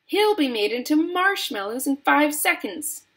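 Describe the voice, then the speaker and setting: A woman's voice: high-pitched, big pitch swings, measured pace, a bit bright, pitched above the performer's own voice, full character voice. A woman voicing a hysterical, indignant mother who shrieks and scolds, in a storybook reading. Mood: outraged. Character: hysterical, indignant, screeching mother of a greedy boy.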